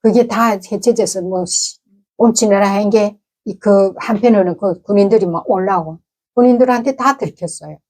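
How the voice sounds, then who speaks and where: A woman's voice: medium pitch, normal speed, a little mellow. A woman from North Korea with a North Korean accent, telling a personal story in a casual, vivid way full of sound words. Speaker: defector recounting her past.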